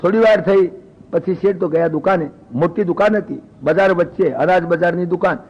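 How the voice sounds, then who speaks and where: A man's voice: high-pitched, moderate pace, a little mellow, slightly rough, lo-fi sound. An older man giving a spiritual discourse, telling a folk story and voicing its characters in homely dialogue. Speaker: spiritual speaker.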